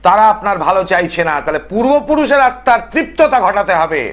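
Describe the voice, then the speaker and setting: Male TV astrologer-host, high and animated voice, declamatory and insistent, delivering a live call-in sermon-style pitch. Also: fast talker. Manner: emphatic, rhythmic listing with rising declamatory stresses. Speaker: tantric astrologer hosting a live call-in TV show. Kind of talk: impassioned TV call-in monologue.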